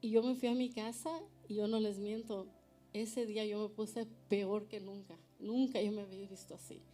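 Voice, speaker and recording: A woman's voice: mid-range voice, steady tone, moderate pace, dark tone, faint music behind. A woman sharing an earnest personal testimony at a church panel, often ending phrases with a tag question. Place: church service.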